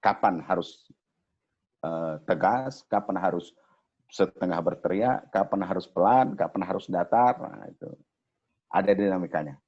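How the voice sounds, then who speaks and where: A man giving a broadcasting workshop talk, animated and mimicking different greeting voices. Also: deep voice, unhurried, pauses often, husky, highs cut off. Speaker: broadcasting trainer.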